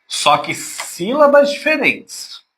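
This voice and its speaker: Man, teacher, slow and patient, high bouncy voice, spells out syllables for kids. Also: big pitch swings, a bit bright, a little hiss or hum. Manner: patient, breaks words into syllables aloud; addresses pupils affectionately. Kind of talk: classroom grammar lesson.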